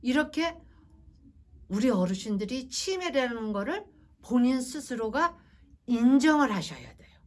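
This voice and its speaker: A woman's voice: fairly high pitch, very animated, a little slow, pauses often. A woman instructor giving a patient lecture to seniors. She asks the audience questions and acts out what people say.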